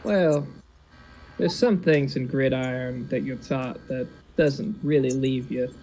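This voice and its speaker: A man plays a tabletop game, pausing often and filling the gaps. His voice sits at an ordinary pitch. Clear background noise and clicks run under it. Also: mellow, poor audio. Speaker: player. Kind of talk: tabletop role-play chat.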